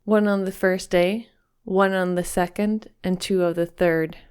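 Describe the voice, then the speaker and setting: A devoted young fisherman boy speaks in a high, smooth, boyish voice, as a deep-voiced male reader puts him on. His words come soft and unhurried, tender toward the old man. The tone is clear and rounded, like a storybook voice. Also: level tone. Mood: earnest. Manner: soft, slowed, raised boyish voice. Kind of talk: audiobook character voice.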